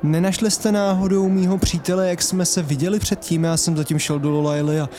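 A man's voice: high-pitched, fairly even intonation, mellow, close to an everyday voice. A man voicing a friendly male half-elf traveler in a tabletop game, talking in a polite, chatty way.

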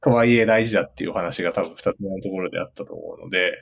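Male host, fairly low pitch, brisk pace, conversational business interview, rephrases as he goes. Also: gravelly.

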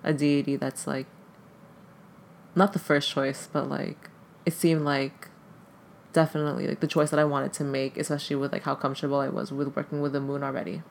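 Briskly and in a level tone, a podcast guest whose native language is Tagalog makes casual conversation, hesitant and packed with "like" fillers in nearly every phrase. The voice is mid-range and creaky, with a little hiss or hum in the background.

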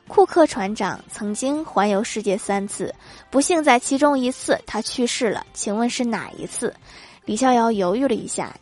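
A woman's voice: a little high, a little mellow. A woman hosting a comedy segment, reading funny everyday anecdotes and laughing at her own punchlines. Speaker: host.

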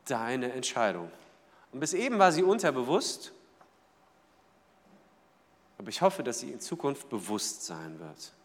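A man preaching a sermon in a lively way, asking the audience questions and acting out small everyday scenes. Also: mid-range voice, moderate pace, big-room sound. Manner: lively, asks the audience rhetorical questions, acts out little scenes. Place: church hall.

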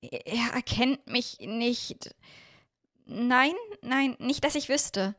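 A woman's voice: fairly high pitch, very slow, a bit bright, no echo, studio quality. Woman voicing a shy young fox spirit girl. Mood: guarded. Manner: hesitant, guarded.

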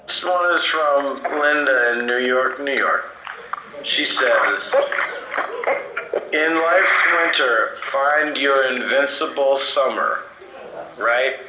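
A drunk man rambling sentimentally on a phone call, reading out inspirational quotes and halting mid-sentence. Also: medium pitch, reverberant, background noise. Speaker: comedy podcast host.

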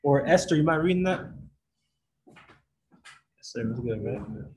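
A man's voice: medium pitch, expressive, a little slow, a little mellow, low-quality recording. A man teaching a Bible lesson to a group in a casual way, often checking in with his listeners. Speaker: youth Bible study leader.

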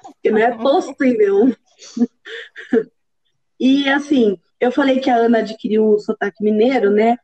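A woman's voice: a little high, measured pace, pauses often, warm tone. A woman in casual chat, laughing as she tells self-mocking stories. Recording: dull lo-fi sound.

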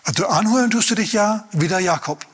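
A man's voice: high voice, brisk, breathy edge, pitched above the performer's own voice. A man voicing an old blind father who keeps doubting and questioning his son, told within a sermon. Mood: doubtful. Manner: suspicious, repeated questioning.

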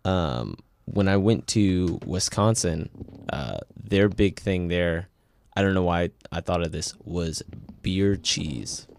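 Deep-voiced young man telling food stories. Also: takes it slowly, creaky, a little hiss or hum. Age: 20s. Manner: rambling storyteller, animated when excited. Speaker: podcast co-host. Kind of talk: casual chat.

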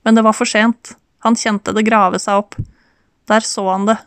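A woman narrates an audiobook in a calm, measured way. Her voice sits at a middle pitch, and the recording is close and dry, with no room sound. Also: smooth, no room sound. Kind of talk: scripted narration.

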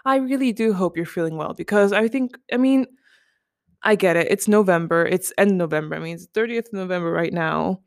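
A woman's voice: on the low side, brisk, no room sound, studio quality. A woman in her twenties hosting a casual pillow-talk chat from her living room, rambling and chatty. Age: 20s. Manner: rambling, chatty, many "like" and "you know". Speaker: podcast host.

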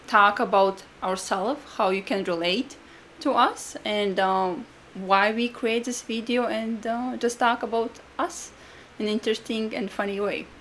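A woman's voice: mid-range voice, a bit bright. Latvian-accented woman podcaster, slightly noisy room tone. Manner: halting, repetitive phrasing in non-native English. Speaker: podcast co-host. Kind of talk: casual conversational podcast talk.

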